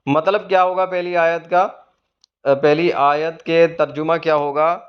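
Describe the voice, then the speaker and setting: Man, Quran reading teacher, patient, smooth clear voice, slightly high, dull lo-fi sound. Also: level tone. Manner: patient, asks questions and answers them himself. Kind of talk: explaining a lesson to beginners.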